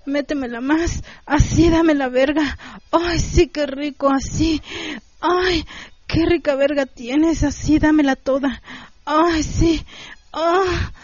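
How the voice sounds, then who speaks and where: A breathless, pleading young woman in an adult audio story, as a woman reader puts her on. Her voice rides high and strained, and the recording is close, dry and somewhat muffled. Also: dry recording.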